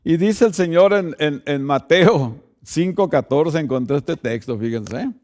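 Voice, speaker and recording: A male pastor delivers a sermon in a somewhat high voice. He addresses the congregation directly and keeps tossing in rhetorical questions to keep them with him. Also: animated, a little slow, darkish tone. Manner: preaches with rhetorical asides like "¿verdad?".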